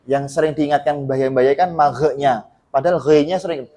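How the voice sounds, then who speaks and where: A man with a Javanese accent teaching Quran recitation in a mosque, correcting pronunciation and chanting verses slowly for others to repeat. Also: fairly high pitch, steady tone, warm tone.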